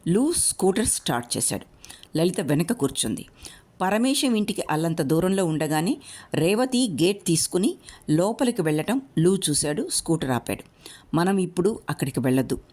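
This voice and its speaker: A woman storyteller reading a serialized novel aloud in steady narration. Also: fairly low pitch, moderate pace.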